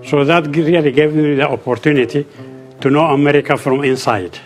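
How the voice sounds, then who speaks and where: An older man, thoughtfully recounting his past in an interview, speaking in an unhurried, measured way with frequent pauses. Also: a little high, steady tone, soft background music. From Sudan. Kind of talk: reflective storytelling. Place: indoors by a window.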